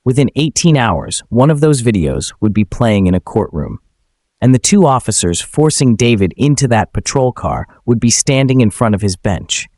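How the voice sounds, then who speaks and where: A man giving scripted, suspenseful dramatic narration in a measured way. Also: mid-range voice, big pitch swings, darkish tone, dry recording, studio quality.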